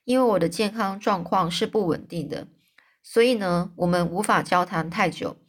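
A woman's voice: fairly low pitch, normal speed, husky. A woman voicing a frail, overwrought young man in a storybook reading, emotional and pleading. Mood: weak.

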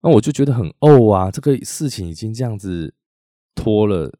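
Male podcast host, Taiwanese Mandarin accent, deep voice, dry close sound, chatty storytelling. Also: lively intonation, warm tone, no room sound. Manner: chatty, with frequent drawn-out tag particles. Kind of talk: casual storytelling monologue.

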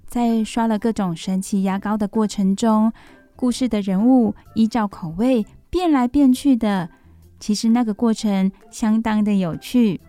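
A woman with a Taiwanese Mandarin accent hosting a children's radio storytime, speaking gently and simply as if reading to a toddler. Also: medium pitch, unhurried, no echo, faint music behind. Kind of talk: children's radio presenting, talking to young listeners.

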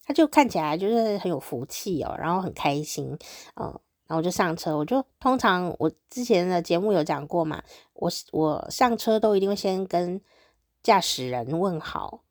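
A woman's voice: fairly low pitch, expressive, normal speed, no room sound, clean studio sound. A woman with a Taiwanese Mandarin accent, hosting her own show and telling everyday stories in a chatty, upbeat way. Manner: chatty and upbeat, easily amused. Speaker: podcast host. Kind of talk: casual storytelling monologue.

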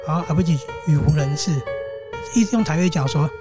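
Casual male host with a Taiwanese Mandarin accent, telling a ghost story in a chatty, animated way, music in the background. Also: fairly high pitch, fast talker. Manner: chatty, animated, with asides to the audience.

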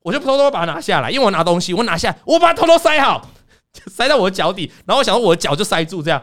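A man hosting a casual chat, telling stories in an animated way and acting out scenes. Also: high voice, racing. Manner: animated storyteller, acts out scenes. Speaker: podcast host.

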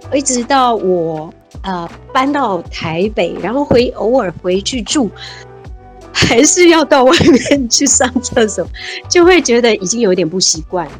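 Speaking a little high and expressive, at an unhurried pace with faint music behind, this fifties-aged woman has a Taiwanese Mandarin accent. She's a radio interview guest telling warm, earnest stories of childhood and adventure, exclaiming often as she reminisces.

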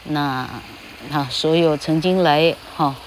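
An older woman talks in a relaxed, meandering monologue, a retired teacher speaking of herself in the third person. Her voice sits a little low for a woman, and she sprinkles short "ha" tags through her sentences. Faint noise hums underneath. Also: slow. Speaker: retired English teacher and radio host. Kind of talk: casual spoken monologue.

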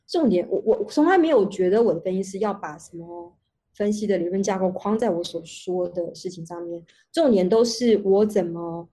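A woman's voice: medium pitch, dark tone, breathy edge. A woman, a researcher speaking as a guest in an online panel talk over a video call, explaining at length with many restarts. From Taiwan.

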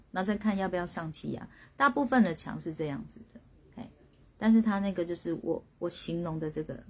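A woman's voice: medium pitch, breathy edge. A woman, a spirit medium hosting a casual live stream, telling a story and reading out viewers' guesses with lots of laughter.

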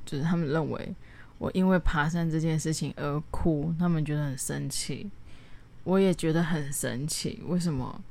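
Woman, casual solo monologue, rambling storyteller, lowish pitch, restarts a lot. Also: gravelly, darkish tone. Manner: mixes in English words. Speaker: solo podcast host.

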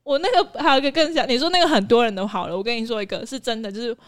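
A woman's voice: a little high, very fast, no room sound, clean studio sound. A woman, animatedly telling stories in a casual chat and often laughing as she goes.

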